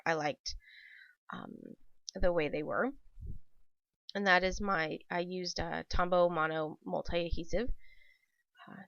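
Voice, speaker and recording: Hosting her papercraft channel's easygoing tutorial voice-over, a woman speaks in a fairly low, fairly bright voice, in a dull, dry home recording with no echo. Her throat is dry and scratchy because of a cold. She's talkative and meandering, with many ums and self-corrections.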